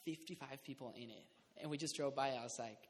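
A young Costa Rican man who lives in a community house chats casually with a group, rambling with fillers and laughing often. He talks quickly in a mid-range voice, in a reverberant room with faint noise.

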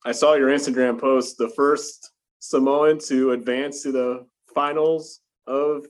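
A man's voice: mid-range voice, steady tone, measured pace. A man interviewing an athlete, asking casual questions with many fillers and restarts.

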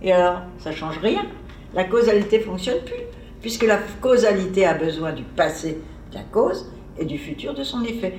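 A woman with a medium-pitched, slightly mellow voice speaks at normal speed with a sing-song lilt in an informal seminar. She digresses and chats as though thinking aloud, while the distant mic in the echoey room picks up slight background noise.

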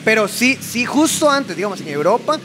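A young Costa Rican man with a Costa Rican accent, a podcast guest telling animated stories full of filler words and sound effects. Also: high voice, normal speed, crowd noise. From Costa Rica. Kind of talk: casual chat.

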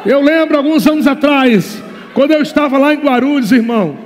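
A Brazilian man preaching a fervent sermon as pastor, moving between quiet asides and shouted exhortations. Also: very high-pitched, a little fast, big-room sound, some chatter behind. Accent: Brazilian Portuguese.

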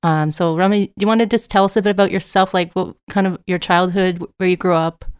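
A woman co-hosting a community radio talk show, relaxed and a little hesitant. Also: lowish voice, fast, clear, resonant tone, dry recording, studio quality. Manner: relaxed, hesitant, many ums.

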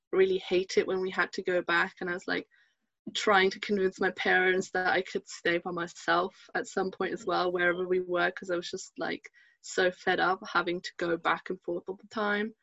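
A woman's voice: lowish voice, level tone, moderate pace, creaky, a bit bright, no echo, lo-fi sound. A woman in her twenties from Germany, a podcast guest chatting casually and hesitantly, full of fillers and restarts. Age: 20s. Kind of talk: casual interview chat.

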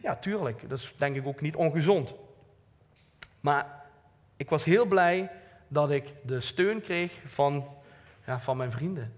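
A man's voice: fairly high pitch, animated, takes it slowly, long pauses. A man with a Limburg Dutch accent giving an informal, earnest church talk, plain-spoken with light self-mocking asides. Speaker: lay preacher. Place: church hall. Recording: long hall reverb.

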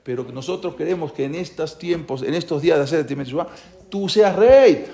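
A man's voice: on the high side, lively intonation, fairly quick, mellow. A man teaching a religious class who explains the prayers with many rhetorical questions. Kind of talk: Torah class. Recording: echoey room.

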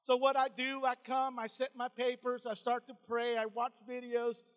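A man's voice: very high-pitched, monotone, moderate pace, clean tone, highs cut off. A man preaching a fervent sermon in a church, repeating phrases, stumbling over restarts and adding amens. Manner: stammering restarts. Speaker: pastor. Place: church sanctuary. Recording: long reverb of a church hall.

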